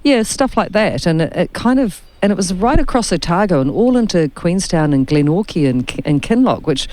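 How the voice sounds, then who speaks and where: A woman hosting a radio chat, telling chatty personal anecdotes in a relaxed, conversational way. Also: fairly low pitch, moderate pace, no echo. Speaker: radio host.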